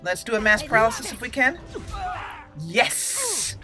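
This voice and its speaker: A gameplay channel host, a woman, plays through a roleplay game in a slightly high, sing-song voice at a measured pace. She's theatrical and giggly, drifting between commentary and in-character talk. Faint game music sits in the background.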